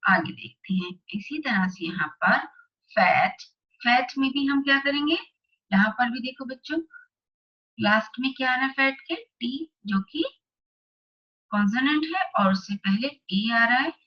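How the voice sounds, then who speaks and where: A woman teaching a school English lesson with an Indian accent, reading the English text slowly and explaining in a quicker, questioning way. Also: a little high, animated, slightly rough. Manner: repeats questions to students. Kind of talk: recorded worksheet lesson. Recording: dull lo-fi recording.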